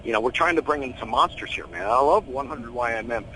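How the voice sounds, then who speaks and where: A middle-aged American man chatting casually in an interview, animated, opinionated and full of slang. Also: mid-range voice, fast, slight background noise, poor audio. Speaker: horror host being interviewed.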